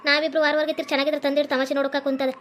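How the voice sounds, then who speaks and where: A woman voicing a village woman who gossips in a low, confiding way. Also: little pitch movement, rapid-fire, a little hiss or hum, natural voice. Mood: gossiping.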